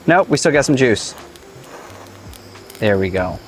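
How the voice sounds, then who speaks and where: Upbeat male chef host, mid pitch, chatty cooking demo outdoors with light music under. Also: very animated, a little slow. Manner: enthusiastic, chatty, talks with a mouthful at times. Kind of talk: casual cooking demonstration. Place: outdoor griddle cooking set.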